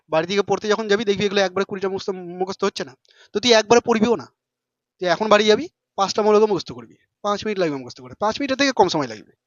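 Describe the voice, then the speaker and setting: A male teacher giving a class lesson, talking informally and firing quick questions at his students. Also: sits high, no room sound, lo-fi sound.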